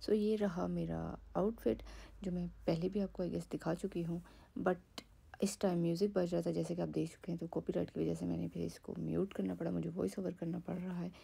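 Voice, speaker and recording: Her voice is low-leaning and dark, with vocal fry, a breathy edge, a flat delivery and a slightly fast pace. She's a woman in her thirties from Pakistan, vlogging her travels casually to camera and slipping in English words. The phone records her from a distance inside a hotel apartment room.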